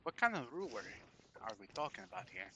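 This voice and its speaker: A man's voice: mid-range voice, very animated, quick pace, a crowd in the background. A man playing a tabletop game, speaking in a polite, playful manner. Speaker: player. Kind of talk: tabletop role-play.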